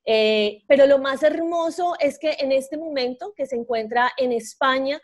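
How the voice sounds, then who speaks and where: A woman's voice: sits high, unhurried. A woman hosting a live online interview over a video call, speaking effusively with many fillers and restarts. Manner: warm, effusive, hesitant with fillers. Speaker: host.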